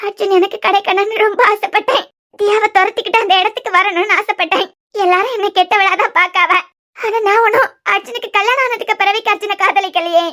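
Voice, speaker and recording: Cartoon lead: woman doing an obsessive, vengeful young woman, Kanyakumari Tamil accent, tearful, pleading, very high and thin. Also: fairly bright tone. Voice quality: very high-pitched. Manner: pleading, self-pitying. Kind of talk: cartoon serial voice acting.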